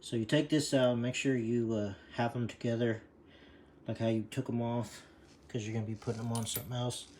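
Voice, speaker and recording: A mid-range, fairly even, slightly mellow male voice moves fairly quickly through a bike repair demonstration, with a little background noise. The casual how-to video has him rambling with plenty of fillers while he pants from leaning over.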